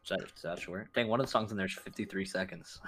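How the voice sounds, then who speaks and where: A man with a fairly low voice reacts eagerly in a casual album chat, blunt and quick to swear. Faint noise sits under the recording. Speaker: podcast co-host.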